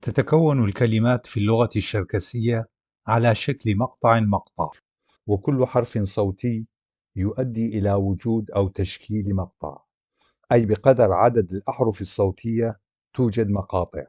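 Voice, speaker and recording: A man reading a grammar lesson aloud, slowly listing letters, syllables and example words and drawing out each sound. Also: on the low side, a little mellow, no room sound, lo-fi sound. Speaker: language teacher.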